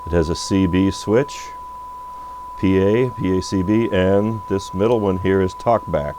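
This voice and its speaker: A deep-voiced man speaking a little slowly works through an off-the-cuff demo at his electronics bench. He's a radio repair presenter thinking aloud as he goes, and electrical hum runs through the noisy audio.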